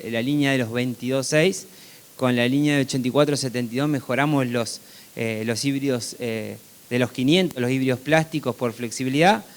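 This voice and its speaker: Smooth, clear Argentine man presenting. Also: mid-range voice. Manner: conversational, seeking agreement with frequent tag questions. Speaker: seed company presenter. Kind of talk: technical product presentation.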